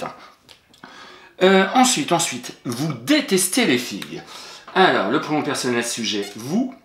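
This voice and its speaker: A man talks a young child through a spelling correction, patient and encouraging, spelling each word letter by letter. His pitch swings up and down in a lively way, and the recording sounds roomy with a noticeable echo. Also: a little hiss or hum. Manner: addresses the child directly and familiarly. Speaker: primary school teacher.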